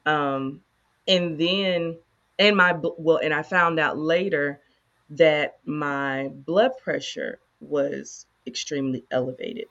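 A woman co-host in casual conversation, candidly telling a personal story with animated asides. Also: low-pitched, takes it slowly, dull audio. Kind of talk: casual chat.

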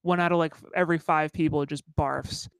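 A podcast co-host chats casually, rambling and self-deprecating, saying "like" constantly while sounding congested and stuffy-nosed. His voice is on the high side with fairly even intonation, vocal fry, and a slightly fast pace. There is no echo.

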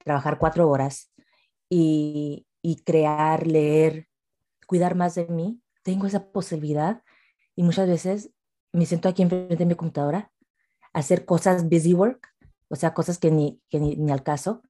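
A woman talking in a casual, reflective way, often pausing and repeating words as she thinks aloud. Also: deep voice, fairly even intonation, mellow. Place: working from home.

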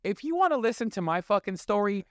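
Lively high-voiced man hosting a podcast. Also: quick pace, no room sound, studio quality. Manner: candid, storytelling, laughs often, swears freely. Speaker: podcast host. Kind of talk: casual podcast chat. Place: podcast studio.

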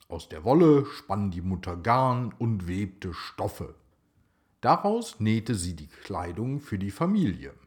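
Slow, low-voiced male storyteller. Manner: slow, expressive. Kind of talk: children's story narration.

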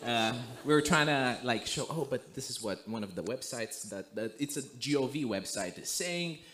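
A young man from Romania, a guest missionary, telling a story in a relaxed way, full of "like" and "you know". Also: mid-range voice, moderate pace, crowd noise. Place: church sanctuary.

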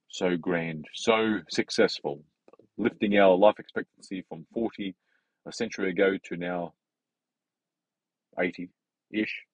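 A man's voice: low voice, breathy edge, no room sound, dull audio. A man, a health advisor talking in a rambling, hesitant monologue full of fillers and restarts. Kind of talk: casual monologue.

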